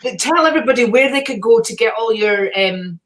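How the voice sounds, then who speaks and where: A woman with a slightly high voice hosts an informal chat. She is effusive and gushing, talking conversationally as she draws out her guest. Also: expressive, brisk, a bit bright. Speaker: show host. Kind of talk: casual interview chat.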